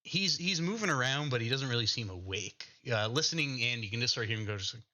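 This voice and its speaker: Male game master with a very sharp, forward voice, casual improvised narration, descriptive with hesitant phrasing. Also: medium pitch, animated, fast talker.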